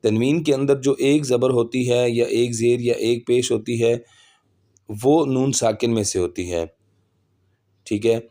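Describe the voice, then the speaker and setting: A man teaching Quran recitation, slowly spelling out syllables letter by letter and then explaining the rules in a brisker voice. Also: mid-range voice, mellow. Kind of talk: slow spelled-out recitation lesson.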